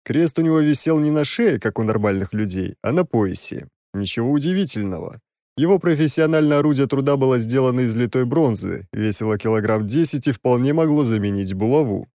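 A male audiobook narrator reading in a wry, storytelling manner at a middle pitch. The recording is dry and close, with no room around the voice. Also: lively intonation, brisk, dark tone, no room sound. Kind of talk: scripted first-person narration.

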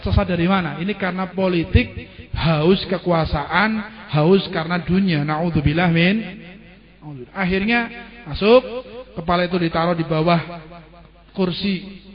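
A man preaching and telling a dramatic story, firing rhetorical questions. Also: high voice. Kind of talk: storytelling sermon. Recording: dull lo-fi recording.

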